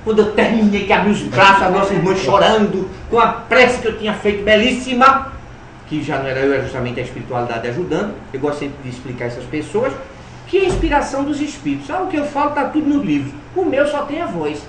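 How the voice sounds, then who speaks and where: A man delivers a spiritist lecture as a lively, humorous storyteller. His pitch leaps up and down expressively. He sounds some way off from the mic, in a roomy, echoing hall with faint ambience behind him. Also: fast talker, distant mic, a little hiss or hum. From Alagoas, Brazil. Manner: animated, humorous storyteller with dramatic swings in loudness. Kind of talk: spiritist lecture with personal anecdotes.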